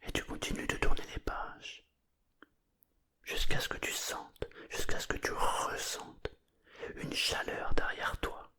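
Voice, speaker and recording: A narrator telling a bedtime story in a breathy, murmured whisper, hushed and soothing, with gentle pauses between phrases.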